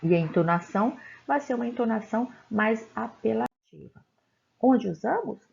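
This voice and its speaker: A woman teacher lectures with patient explanations and frequent checks for understanding. Her voice is mellow and gravelly, with a slight fry. The recording sounds dull and lo-fi. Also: a little high, lively intonation, moderate pace, a little hiss or hum. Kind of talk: classroom lecture.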